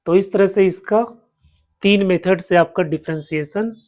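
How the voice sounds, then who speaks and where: A man's voice: high-pitched, a little slow, darkish tone. A man teaching a maths lesson, walking his students through each step and repeating terms as he writes. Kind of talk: slow blackboard maths lesson.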